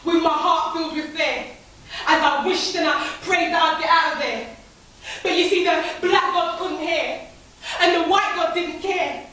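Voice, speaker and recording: A bitter, defiant young woman haunted by her past, as an actress plays her on stage, her high voice unhurried as it rolls through rhythmic rhymes. The sound comes from far off in a heavily echoing theatre hall, with a faint hiss underneath. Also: fairly even intonation, bright, forceful tone, heavily acted. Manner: rhythmic rhyming delivery. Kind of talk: spoken-word theatre monologue. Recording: echoey hall, taped from far off.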